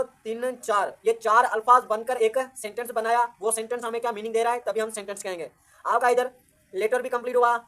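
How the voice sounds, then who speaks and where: Patient woman teaching a grammar lesson. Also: fairly high pitch. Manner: repeats points slowly, counts words aloud, mixes English terms into explanations. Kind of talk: classroom grammar lecture.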